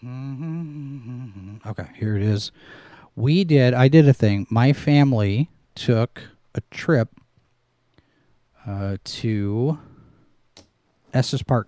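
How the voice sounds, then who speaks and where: A middle-aged man hosts a casual livestream chat through a headset microphone with headphones, his mellow, dry, lowish voice rambling loosely with frequent restarts and fillers. There's no room sound.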